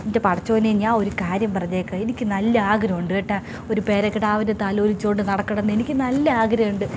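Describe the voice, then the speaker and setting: A woman's voice: medium pitch, steady tone, quick pace, noisy background, natural voice. A woman playing a dramatic, bossy older mother-in-law in a comedy sketch. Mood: complaining. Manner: dramatic, scolding and gushing by turns.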